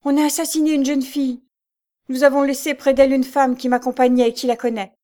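A woman's voice: high-pitched, flat delivery, brisk, warm tone, voice pushed up, close to an everyday voice. A woman voicing a flustered elderly widow who talks urgently and out of breath, in an audiobook.

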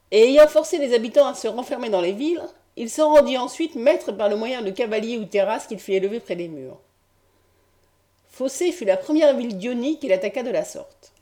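A woman with a fairly high voice reads a classical history text aloud. Her narration is measured and formal, in the manner of an audiobook. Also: warm tone. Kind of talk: scripted narration of ancient history.

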